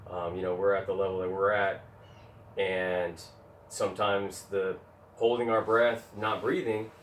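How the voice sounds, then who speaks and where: Low-voiced man explaining jiu-jitsu calmly. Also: unhurried, slight background noise. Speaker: jiu-jitsu training partner. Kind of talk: casual instructional chat. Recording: roomy, distant mic with faint gym ambience.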